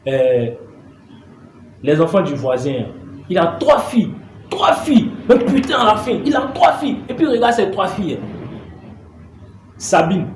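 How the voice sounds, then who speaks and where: A man's voice: a little high, lively intonation, normal speed, pauses often, warm tone, roomy sound, slight background noise, lightly acted. An actor in a comedy sketch playing a demanding father who scolds his grown daughter, exasperated and swearing.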